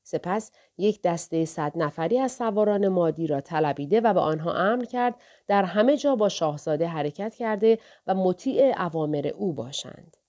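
A woman narrating an audiobook of a historical novel in a steady, measured reading. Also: lowish voice.

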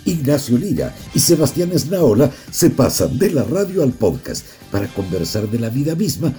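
A man delivering a scripted show intro as a booming, theatrical announcer. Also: sing-song, normal speed, warm tone, soft background music. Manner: booming, theatrical showman opener.

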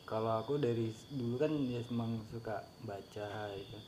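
Man, casual storytelling, bashful, quiet background noise. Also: fairly low pitch, moderate pace. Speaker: guest telling a story. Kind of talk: casual chat.

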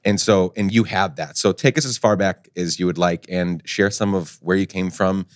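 Deep-voiced rambling male interviewer. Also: normal speed, dry recording, clean studio sound. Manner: rambling, searching for words. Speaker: host. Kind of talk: interview questions.

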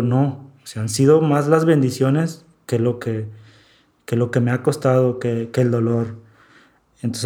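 A man's voice: medium pitch, warm tone. A man, giving an earnest testimony as an interview guest, often repeating himself and acting out what others said to him. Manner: earnest, repeats himself, acts out quoted dialogue.

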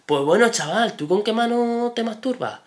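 A man's voice: high voice, lively intonation, normal speed, pitched above the performer's own voice. A man voicing a crude small-town male driving instructor who talks oddly and bluntly. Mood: joking. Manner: odd mumbling talk, blunt.

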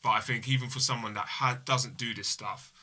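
A man's voice: medium pitch, fairly even intonation, a little fast, sharp tone, husky. A man being interviewed as an endurance athlete, offering upbeat motivational advice. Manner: upbeat, motivational, repeats "just do it". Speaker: guest athlete. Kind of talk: casual interview chat.

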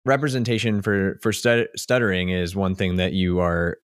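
A man's voice: low voice, flat delivery, normal speed, dry recording, studio quality. A man hosting a podcast interview, asking long rambling questions full of fillers. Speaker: podcast host. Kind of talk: casual interview talk.

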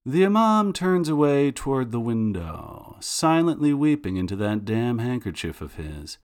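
A male narrator reading a first-person serial story with dry, sardonic wit. His medium-pitched voice is lively, swinging up and down through the telling. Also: unhurried, clear, resonant tone.

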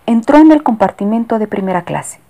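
A woman narrating a children's story in a lively, expressive way. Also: a little high, brisk.

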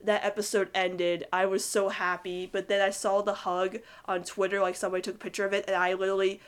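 A young woman gushing about a cartoon couple in rambling, excited casual commentary full of "like". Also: medium pitch, fast, clean tone. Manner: gushing, rambling, heavy use of "like", giggly. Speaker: cartoon fan reviewer.

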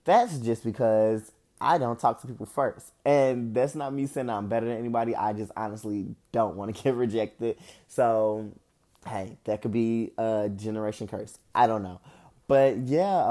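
A man's voice: lowish voice, mellow. A young man with a slightly stuffy nose, talking candidly in a casual solo monologue full of fillers and restarts. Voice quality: a little stuffy-nosed. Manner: rambling, candid, with frequent fillers. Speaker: podcast host.

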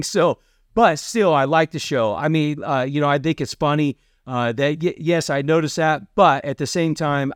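Middle-aged male preacher, earnest and repetitive, with a clear, high voice and dry sound. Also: dry recording. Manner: earnest, repeats phrases, slows for scripture. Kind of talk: sermon.

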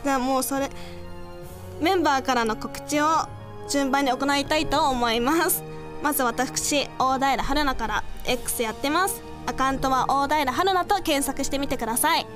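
A woman's voice: high voice, normal speed. A woman hosting a radio show in a casual, chatty way. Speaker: host. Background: background music.

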